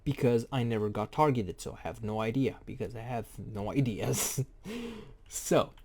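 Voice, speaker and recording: Mellow-voiced man explaining game mechanics. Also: mid-range voice, expressive, unhurried, vocal fry. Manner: rambling, jokey, self-correcting. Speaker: game guide creator. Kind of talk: casual spoken game tutorial.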